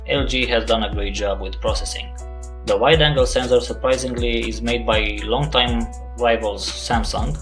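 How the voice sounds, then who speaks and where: A man with a Russian accent hosting and narrating a phone review in a plain-spoken, relaxed way. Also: medium pitch, poor audio. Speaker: tech reviewer host.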